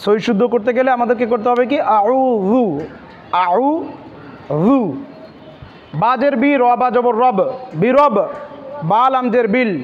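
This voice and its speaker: A man with a Bangladeshi Bengali accent teaching Quran pronunciation step by step, spelling out letters and vowel marks slowly and repeating each syllable. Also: very high voice, fairly even intonation, in a large hall, lo-fi sound, a little hiss or hum.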